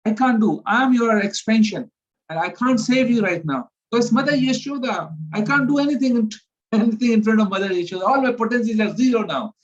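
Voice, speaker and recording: Guy putting on a furious little big-brother god, pitched way up, loud and dull-sounding lo-fi recording. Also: animated, fairly quick. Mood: helpless. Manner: booming threats, then wailing helplessness. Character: boy god, fiery protective older brother.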